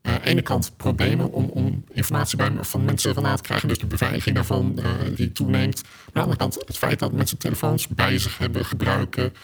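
An anonymous man whose voice is electronically distorted to hide his identity, answering interview questions in a halting way with many restarts. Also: mid-range voice, expressive, vocal fry, noisy background. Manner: halting, with frequent restarts and fillers. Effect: voice electronically distorted to disguise identity. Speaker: technical specialist interviewed anonymously.

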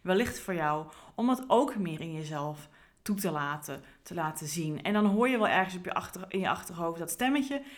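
A woman's voice: lowish voice, animated, moderate pace. A woman, a career coach, talking earnestly in a reflective podcast monologue with frequent fillers and restarts.

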